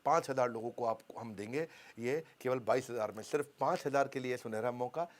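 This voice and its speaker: A man's voice: mid-range voice, fairly quick. A man giving a motivational business seminar, emphatic, repeating key phrases and having the audience finish his lines. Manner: call-and-response, has the audience finish lines. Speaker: business coach.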